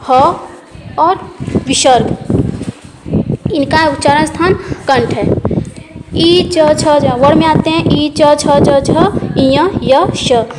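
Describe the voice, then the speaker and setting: Slow, high-voiced woman teaching grammar. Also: long reverb tail, background noise. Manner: patient, repeats each point slowly. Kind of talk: classroom grammar lesson.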